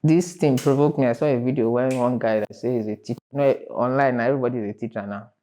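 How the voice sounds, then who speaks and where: A vocal coach, male, teaches a class in a mellow mid-range voice with a steady tone, talking fast. He is emphatic, repeating and stressing his key points and singing short examples.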